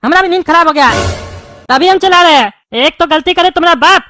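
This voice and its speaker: A woman's voice: extremely high pitch, fast, pushed and bright, dry recording, studio quality, faint music behind. Woman voicing a taunting bald cartoon politician with a lilt. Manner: scolding, taunting, name-calling. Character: bald male neighborhood politician, quarrelsome and mocking. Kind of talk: cartoon dubbing.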